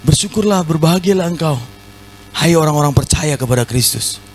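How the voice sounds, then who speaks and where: Animated Batak preacher man. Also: a little high, brisk, slight background noise, rough recording. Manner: animated, playful asides to the congregation. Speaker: pastor. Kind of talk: sermon. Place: large church hall.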